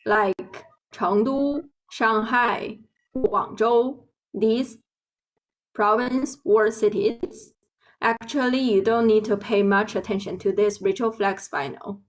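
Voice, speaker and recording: A woman from Beijing with a Chinese accent, explaining pronunciation slowly and carefully as a language teacher. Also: medium pitch, poor audio. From Beijing, China. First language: Mandarin Chinese. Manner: slow, careful explaining with drawn-out example words. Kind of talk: online language lesson.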